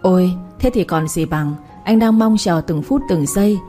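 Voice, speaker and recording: A woman reading a devoted young village man who soothes and reassures. The voice is warm and mellow, with faint music underneath. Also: fairly low pitch, normal speed, close to an everyday voice. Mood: placating. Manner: soothing, placating.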